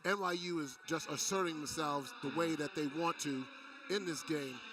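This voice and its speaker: A man's voice: on the high side, moderate pace. A man giving color commentary at a college basketball game, with chatty, opinionated asides. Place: college gym. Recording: distant mic in a gym.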